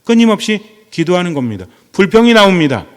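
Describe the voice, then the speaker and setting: A man's voice: sits high, big pitch swings, fast, clear, resonant tone. Man preaching in a reverberant hall. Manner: asks the congregation questions and repeats phrases for emphasis. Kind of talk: sermon.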